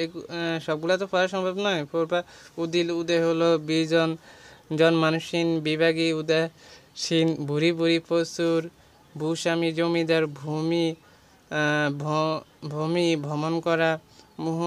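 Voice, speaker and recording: A man's voice: fairly high pitch, clean tone. A young man teaching an exam-preparation lesson, going page by page through a textbook and listing words with their meanings.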